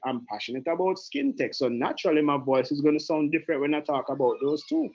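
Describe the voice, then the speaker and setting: Gravelly, energetic man giving a sales pep talk. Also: high voice, dull audio. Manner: energetic, persuasive, repetitive, asks the audience questions. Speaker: network marketing team leader.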